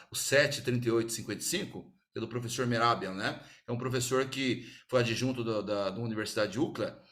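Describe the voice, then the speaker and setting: A man with a Brazilian Portuguese accent giving an energetic sales talk to a small group, acting out little customer dialogues as he explains. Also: medium pitch. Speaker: sales speaker.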